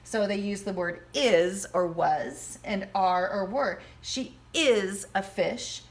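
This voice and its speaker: At home, a woman second-grade teacher with a medium-pitched, slightly scratchy voice teaches a lesson and reads a picture book. She speaks slowly and explains things simply for young children.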